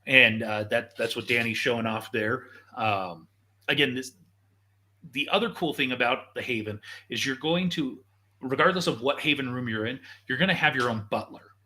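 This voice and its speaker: Bright, forceful male host. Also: mid-range voice, normal speed. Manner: enthusiastic, tour-guide style explaining. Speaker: show host. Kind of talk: casual live-show chat narrating video footage.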